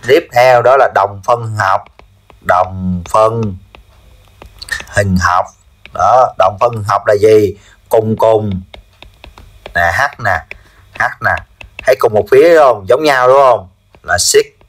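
A male chemistry teacher, drilling his class with repeated quick questions. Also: lowish voice, a bit bright. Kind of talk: classroom lesson.

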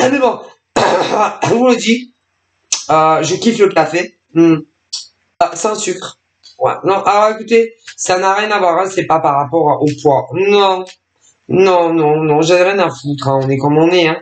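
A tarot and oracle channel host with a fairly low voice speaks unhurriedly to her subscribers in an echoey room. Her sarcastic, rambling monologue is full of fillers and broken up by coughs from allergy-related throat irritation.

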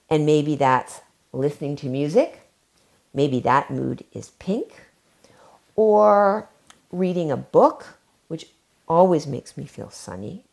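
Seated in an armchair in front of the bookshelves of her home library, a middle-aged children's author reads to kids and shows them a craft. Her voice is low and gravelly, rising and falling expressively, and she stretches out important words with warm storytime emphasis. The camera sits a short distance away.

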